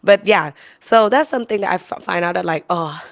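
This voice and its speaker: A woman's voice: fairly low pitch, fairly quick, gravelly, dry recording. A young woman from Thailand, co-hosting a podcast in casual chat, chatty and laughing often. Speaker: podcast co-host.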